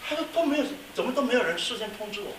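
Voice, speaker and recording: A man preaching a sermon as a pastor, telling a story and swinging from quiet asides to loud exclamations. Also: very high voice, animated, very fast. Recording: echoey hall, mic at a distance, faint hiss.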